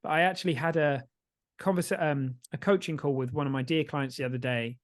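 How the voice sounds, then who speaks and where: A man's voice: fairly high pitch, steady tone, brisk. A man co-hosting a sober-living podcast, chatting casually and rambling a little as he coaches. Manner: rambling, self-interrupting. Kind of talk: casual chat.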